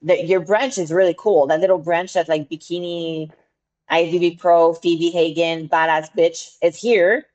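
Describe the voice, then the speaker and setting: A woman's voice: fairly low pitch, fairly even intonation, measured pace, a little mellow, muffled recording. A woman with a French accent, speaking English as a second language, co-hosting a podcast in casual chat, earnest and groping for words. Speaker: podcast co-host.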